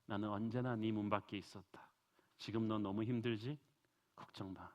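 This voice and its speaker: Gentle, soft-spoken male God figure, done by a preacher, comforting; dull lo-fi sound. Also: fairly low pitch, fairly even intonation, moderate pace, lightly acted. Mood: tender. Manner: soft, hushed and tender.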